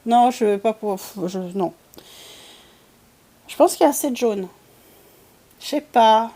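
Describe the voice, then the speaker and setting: A woman's voice: a little high, measured pace, dark tone. A woman chatting casually while painting, thinking aloud and answering viewers' comments in a playful put-on accent. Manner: playful, puts on a random accent. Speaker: streamer painting with watercolors.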